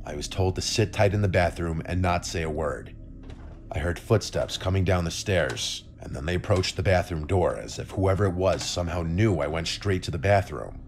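A man reading a first-person horror story as scripted narration, in a calm, steady telling. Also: low-pitched, normal speed, faint music behind.

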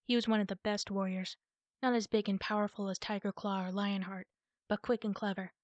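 A woman's voice: medium pitch, level tone, brisk, dry recording, muffled recording, lightly acted. A woman voicing a friendly, chatty young male apprentice cat in a storybook reading. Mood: earnest.

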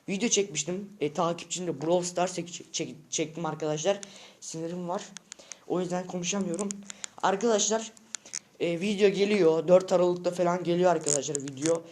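A man's voice: high-pitched, a little mellow. A male vlogger at home, talking straight to his subscribers in an agitated, slang-heavy rant that keeps repeating the same short phrases. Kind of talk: unscripted casual vlog rant. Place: at home indoors.

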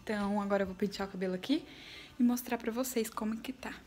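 A woman's voice: medium pitch, fast, darkish tone, a little hiss or hum. A woman with a Brazilian accent chatting nervously to her viewers in a casual home vlog, filmed on a phone set down nearby. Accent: Brazilian Portuguese. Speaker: vlogger. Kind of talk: casual vlog chat to camera. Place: home, bathroom area. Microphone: phone camera set down nearby.

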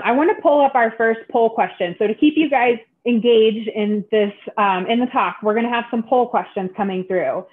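A woman in her thirties, working as a sports dietitian, explains a recipe to children in an upbeat, instructive way, pausing often on "um." Her voice sits a little high. It comes through a tinny video-call connection from her home kitchen. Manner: friendly, instructive, many "um" fillers. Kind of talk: live online cooking demo for kids.

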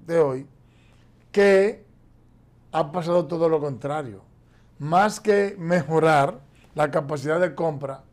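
Seated in a TV studio chair, a man delivers emphatic economic and political commentary on a news show, gesturing constantly as he explains. His voice is on the high side and a little mellow.

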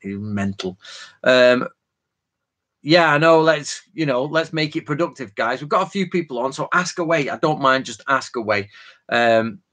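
A man's voice: mid-range voice, lively intonation, measured pace, fairly bright tone. Chatty man in his forties. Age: 40s. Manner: rambling, chatty, jumps between tangents; informal slang and frequent fillers. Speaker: host of a live Q&A stream. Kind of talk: casual live-stream Q&A lecture.

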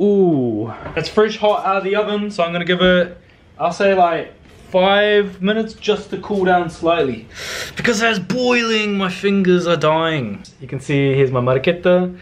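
A man's voice: a little high, slight background noise. Laid-back young man demoing a recipe. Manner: laid-back, slangy, chatty. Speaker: cooking vlogger. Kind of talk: casual cooking demonstration. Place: home kitchen, indoors.

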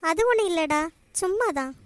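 High-voiced woman voicing a tearful young student. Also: lively intonation, moderate pace. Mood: subdued. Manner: tearful, pleading. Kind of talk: cartoon voice acting of several characters.

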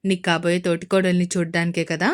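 A woman's voice: fairly low pitch, flat delivery, fast, voice pushed down, close to an everyday voice. A woman voicing a teasing young husband. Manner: teasing, scolding banter.

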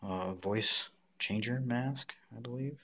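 Taking it slowly, a man with a mid-range, fairly bright voice walks through modifying a costume mask at an indoor table. The prop maker's talk is a casual, down-to-earth unboxing and tutorial aimed at the camera, accompanied by clear background noise and handling clicks.

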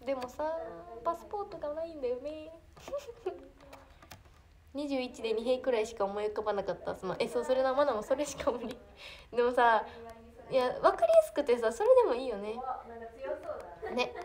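A woman's voice: high-pitched, a little mellow. Giggly teen girl with Kansai accent. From Hyogo, Japan. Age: teens. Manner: chatty, giggly, reacts to comments. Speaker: idol trainee livestreamer. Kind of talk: casual livestream chat reading comments. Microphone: phone.

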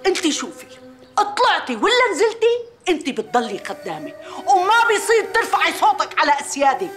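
A woman's voice: very high voice, very animated, quick pace, fairly bright tone, soft background music, exaggerated voice. An actress playing a harsh mistress of the house who scolds her servant, speaking with a Damascene Arabic accent. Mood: scolding. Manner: scolding, taunting.

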